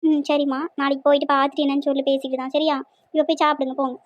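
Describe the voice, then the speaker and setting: A woman voicing a shrill nagging village mother. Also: flat delivery, racing, lo-fi sound, natural voice. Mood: weary. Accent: Tirunelveli Tamil. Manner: shrill scolding, melodramatic complaints.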